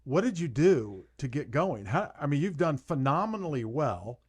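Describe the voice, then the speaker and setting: Older male host, chatty and friendly, voice sits a little high. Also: very animated, normal speed, a little mellow, husky. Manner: friendly, stumbling over words. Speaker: podcast host, mortgage lender. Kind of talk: casual interview chat.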